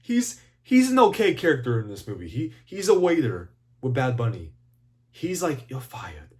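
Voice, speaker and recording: A man rambling through a casual, profanity-laced movie review, swinging between excited and mumbling. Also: mid-range voice, normal speed. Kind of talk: casual video commentary.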